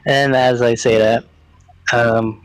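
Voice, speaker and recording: A man playing a tabletop role-playing game, speaking casually and thinking aloud in a hesitant, deliberate way. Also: medium pitch, little pitch movement, clean tone, no room sound, low-quality recording.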